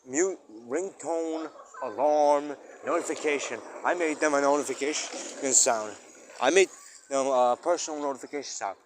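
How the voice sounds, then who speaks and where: This musician's casual, rambling audio log finds him frequently searching for words and leaning hard on exclamations. He speaks at normal speed in a slightly high voice, with a bit of background noise.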